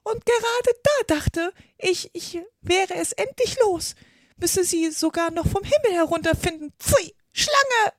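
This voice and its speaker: A woman voicing an outraged female pigeon guarding her eggs in a storybook reading, shrill and scolding. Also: expressive, moderate pace, no room sound, studio quality. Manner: shrill, scolding, near-sobbing outbursts. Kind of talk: audiobook character reading.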